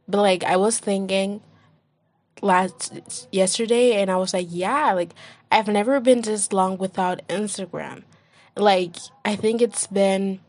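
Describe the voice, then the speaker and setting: A young woman hosting a casual solo podcast, rambling with lots of "like" and restarts, and acting out what others say in a higher voice. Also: darkish tone. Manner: rambling, heavy use of "like", acts out quoted friends in a higher voice. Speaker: podcast host.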